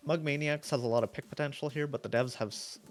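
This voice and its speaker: A man breaks down a live esports draft in a loose, chatty way, full of fillers. His voice is going hoarse. Faint music plays behind him. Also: mid-range voice, steady tone, fast. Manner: chatty, opinionated, many fillers. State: losing his voice. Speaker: esports analyst.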